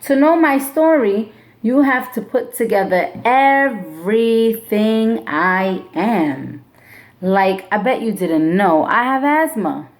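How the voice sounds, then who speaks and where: This teacher, a woman whose voice leans high, shares a picture book with her class in a slow, expressive storybook way, then follows up with classroom instructions.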